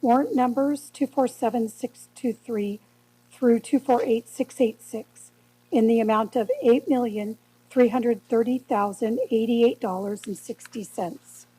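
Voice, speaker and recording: Woman, agenda reader, formal, measured, mellow, husky. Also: fairly high pitch, low-quality recording. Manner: steady, measured reading of numbers and resolutions. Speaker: city clerk reading the agenda. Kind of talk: formal reading of council agenda items. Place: council chamber.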